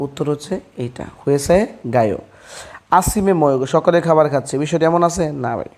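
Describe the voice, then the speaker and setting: A man teaches a relaxed language lesson in a slightly high voice. He talks to the viewer like a brother and keeps stopping to ask whether things are clear. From Bangladesh. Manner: addresses listener as brother, asks quick check questions. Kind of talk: casual explanatory lesson.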